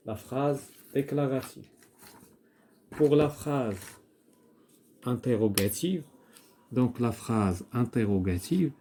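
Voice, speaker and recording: Male schoolteacher, slow repetitive explainer, warm low-key tone. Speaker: teacher. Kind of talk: primary-school grammar lesson, writing on a board.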